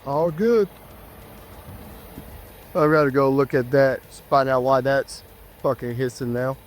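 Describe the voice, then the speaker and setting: A trucker vlogger chats casually and folksily to his viewers while sick with a cough and congestion, so his voice comes out nasal and stuffed-up. He speaks unhurriedly in a mid-range voice over slight background noise.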